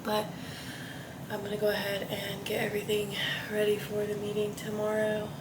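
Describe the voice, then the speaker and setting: In a very noisy recording, a young adult vlogger delivers a casual, candid confessional chat at normal speed with a medium-pitched, completely flat voice. Sick with congestion and a chest cough, she comes across stuffed-up, hesitant and meandering.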